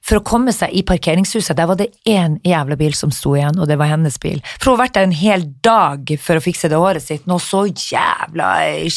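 A woman telling a story in casual chat, animated, acting out the people she quotes and swearing freely. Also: low voice, hardly any pauses.

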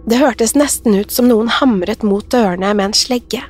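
A woman narrating a horror story in a measured, suspenseful way. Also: fairly high pitch, a little mellow.

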